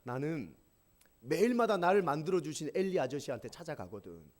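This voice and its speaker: A male pastor voicing a calm young wooden puppet girl who speaks plainly in a storybook retelling. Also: on the high side, fairly quick.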